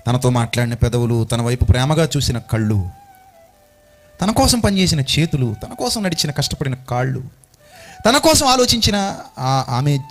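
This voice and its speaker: A man preaching an emotional sermon, passionately firing rhetorical questions at his congregation. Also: fairly high pitch.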